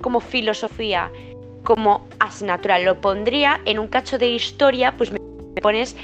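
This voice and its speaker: A woman's voice: on the high side, fairly even intonation, normal speed, dull audio, faint music behind. A teenage girl, chatting casually as a student, indignant and full of colloquial slang. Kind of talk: casual chat.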